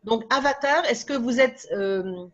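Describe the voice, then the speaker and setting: Lively woman trainer on a dull recording. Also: a little high, measured pace. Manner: lively, with many tag words and asides. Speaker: speaker trainer. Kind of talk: live workshop talk.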